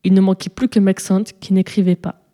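A woman reading a children's story aloud, lively and switching voices for the characters. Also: mid-range voice, brisk.

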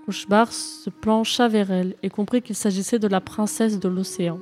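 A woman narrating a fairy tale in calm, even storybook reading. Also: mid-range voice, normal speed, soft background music.

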